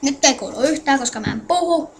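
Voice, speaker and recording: Woman with a high voice doing a chill game tutorial, mumbles to herself while clicking, faint hiss behind. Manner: mutters to self while clicking, halting and distracted; addresses viewers directly with instructions. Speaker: tutorial maker. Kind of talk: casual screen-recorded game tutorial.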